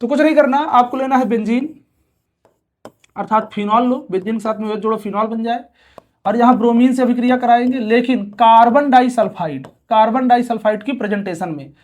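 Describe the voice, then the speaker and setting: With a very high, fairly quick and slightly mellow voice, a man teaches chemistry for an upcoming exam. He keeps telling students to pay attention, answers the questions he raises aloud, and hammers home key terms by repeating them several times.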